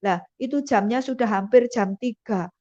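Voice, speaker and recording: A woman tells her personal testimony in a fairly high voice. She speaks earnestly and vividly and repeats phrases for emphasis. The recording sounds dull and lo-fi. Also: normal speed, dark tone.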